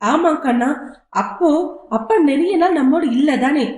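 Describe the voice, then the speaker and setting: A woman voicing a gentle young mother who soothes her children softly. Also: high voice, moderate pace, lightly acted. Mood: soothing. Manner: soft, soothing, reassuring. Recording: roomy echo.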